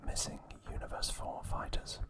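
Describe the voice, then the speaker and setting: A man who hosts an ASMR channel recaps a story in a soft, unvoiced whisper, pausing hesitantly and often as he narrates.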